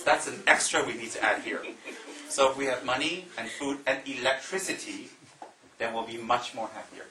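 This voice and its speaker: A man from Taiwan, a Buddhist monk, giving a slow, emphatic Dharma talk to an audience, repeating phrases and adding joking asides. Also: medium pitch, pushed and bright, echoey room, poor audio.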